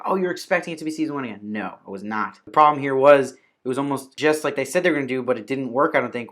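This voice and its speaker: A man giving a casual spoken TV review, opinionated and conversational, dropping fillers like "kinda" and "like" and mimicking imagined viewers in quick asides. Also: fairly high pitch, fairly bright tone. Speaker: TV review host.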